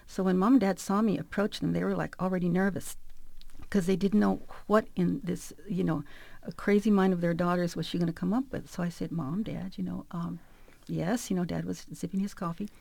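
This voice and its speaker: Gravelly-voiced woman telling a family story. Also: fairly low pitch, brisk, dry recording. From South Phoenix, US Southwest. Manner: animated, acts out family dialogue. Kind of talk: personal storytelling.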